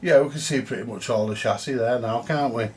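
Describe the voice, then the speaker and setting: Working on a repair with his hands, a British man who hosts a vintage radio repair vlog keeps up a casual, grumbly, slightly sweary commentary for viewers. He speaks briskly in a medium-pitched, darkish voice with a breathy edge.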